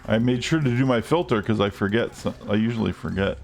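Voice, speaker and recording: A man chatting casually on a game live stream, rambling and swearing freely, with excited outbursts. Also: lowish voice, quick pace, creaky.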